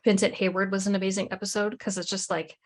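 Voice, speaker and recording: A woman's voice: medium pitch, little pitch movement, fast talker. Enthusiastic woman co-hosting a podcast. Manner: enthusiastic, filler-heavy with "like". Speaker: podcast co-host. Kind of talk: casual chat.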